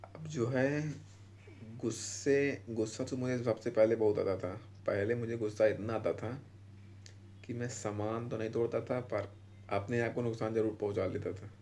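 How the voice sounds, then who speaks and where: A man's voice: medium pitch, a little mellow. A young man giving casual, rambling advice in a vlog, often breaking off and restarting mid-word. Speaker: vlogger.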